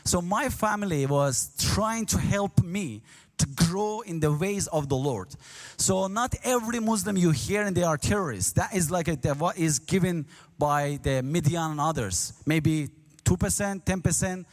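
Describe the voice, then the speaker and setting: Preaching as a guest in an echoing church hall, this high-pitched man shares his testimony. Originally from Iran close to the Turkish border, he speaks Azeri natively, so his English is halting yet earnest, and he becomes more animated as the story unfolds.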